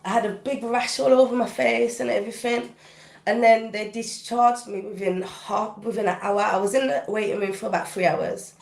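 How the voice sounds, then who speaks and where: A woman's voice: mid-range voice, steady tone, normal speed, creaky, a little mellow, reverberant. A British woman, a guest recording artist, recounting a personal story in a podcast interview with vivid, intense, casual delivery. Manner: vivid, intense retelling with casual dialect grammar.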